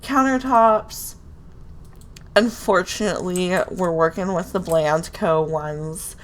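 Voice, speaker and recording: Slow and lowish, the woman's voice is nasal and congested because she has a cold. She creates Sims building videos and talks to herself in casual, real-time commentary while building.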